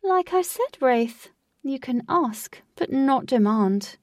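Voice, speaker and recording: A woman's voice: sits high, expressive, no echo, studio quality, far from the mic, voice pushed up. A woman doing a smug, lofty male ride host. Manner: slow, drawn-out, lofty phrasing.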